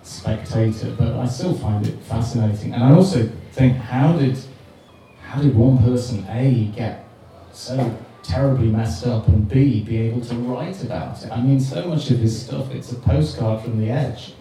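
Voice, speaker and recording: A man's voice: mid-range voice, moderate pace, warm tone. A man on a book club panel, talking frankly and casually, swearing now and then and poking fun at himself. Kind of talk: casual discussion. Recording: echoey room, mic far off, faint noise.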